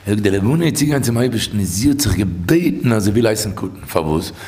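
A man's voice: fairly low pitch, expressive, fast talker, a little mellow. A man teaching a Torah lesson and telling stories in a sing-song way that swings widely up and down. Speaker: religious teacher.

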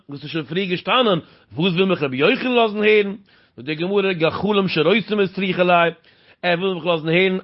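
High-voiced man teaching Talmud, lo-fi. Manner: sing-song explanatory cadence, rhetorical questions. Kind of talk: Talmud study lecture. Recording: dull lo-fi recording.

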